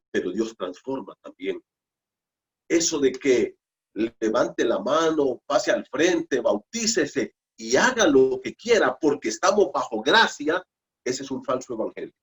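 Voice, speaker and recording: Emphatic preacher with lively pitch. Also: male voice. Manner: emphatic preaching with repetition and rhetorical questions. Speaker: pastor. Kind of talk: sermon at a Bible study.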